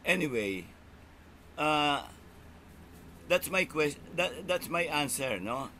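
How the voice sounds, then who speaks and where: An older man, a keynote speaker, answering questions on a video call, halting with many pauses and tagging sentences with "no?". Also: a little high, animated, sharp tone, slight background noise. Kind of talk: unscripted academic Q&A. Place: small indoor room. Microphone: webcam on a video call.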